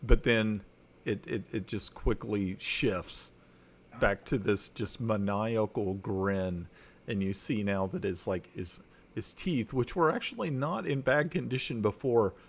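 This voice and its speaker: A man running a tabletop game as dungeon master, narrating slowly with many fillers and restarts. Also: lowish voice.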